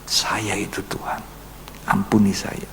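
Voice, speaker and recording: A male pastor telling a story, quoting people in a hushed voice and then urging his congregation forcefully. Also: low-pitched, flat delivery, slow, vocal fry. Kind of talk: Bible study sermon. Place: church hall. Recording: long reverb in a church hall, faint hum.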